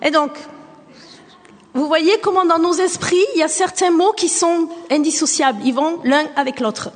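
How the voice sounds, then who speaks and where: High-voiced woman with a faint southern accent. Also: normal speed. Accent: faint southern French. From southern France, near Nîmes. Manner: asks questions and repeats the answers. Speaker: speaker leading a group activity. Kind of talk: lively group talk with questions. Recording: long hall reverb.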